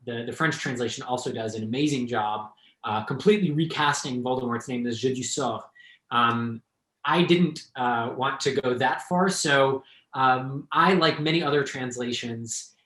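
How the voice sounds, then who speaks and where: A man's voice: mid-range voice, normal speed, fairly bright tone, reverberant, rough recording. A man speaking as a translator in a conversational talk, thoughtful and hesitant with many fillers.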